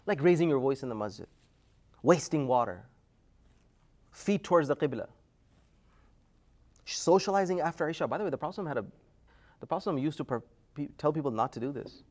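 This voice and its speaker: A man teaches an Islamic studies class, lecturing casually and quizzing his students, often raising his voice to prompt answers. His voice is a little high and a little mellow, animated and brisk, with long pauses.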